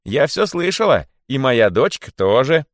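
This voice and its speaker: A man doing a shrill, gossipy she-monkey. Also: lively intonation, measured pace, no room sound, studio quality. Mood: indignant. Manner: shrill, shouting, chattering. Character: excitable female monkey, gossipy and loud. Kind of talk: audiobook character voice.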